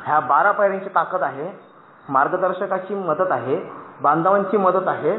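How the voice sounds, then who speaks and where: A man's voice: high voice, moderate pace, a little hiss or hum. A man in his thirties from Maharashtra giving an earnest, emphatic personal testimony to a meeting from a dais, often calling out to his friends. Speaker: recovery meeting speaker. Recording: echoey, tinny phone-like recording.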